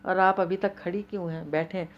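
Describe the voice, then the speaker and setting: A woman's voice: fairly low pitch, steady tone, muffled recording, a little hiss or hum, natural voice. Woman voicing Ramish, a teasing young man. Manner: playful teasing turning to earnest counsel. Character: teasing, earnest young man, a close friend.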